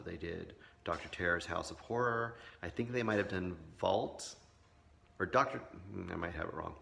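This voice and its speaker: Tired low gravelly man in his fifties. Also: slight background noise. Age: 50s. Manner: rambling, relaxed, with many fillers. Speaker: vlogger. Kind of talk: casual late-night vlog chat.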